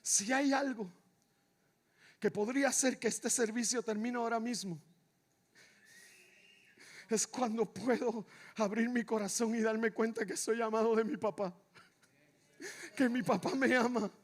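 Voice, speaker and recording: A man preaching a sermon in church, repeating his phrases with passion and swinging from shouts down to near-whispers. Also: very high-pitched, fairly even intonation, a little slow, long pauses. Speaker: pastor. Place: church sanctuary.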